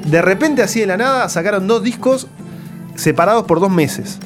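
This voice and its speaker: A man's voice: high voice, animated, moderate pace. A man in his thirties with a Rioplatense Spanish accent, hosting a casual radio music show with a playful, ironic manner. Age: 30s. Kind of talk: casual radio panel chat. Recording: music playing underneath.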